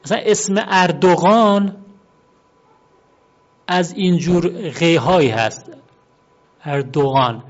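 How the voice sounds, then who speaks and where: Man explaining word origins, muffled recording. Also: on the high side. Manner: unhurried and explanatory, often pauses to repeat and spell out words. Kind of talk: explanatory monologue. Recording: dull lo-fi recording.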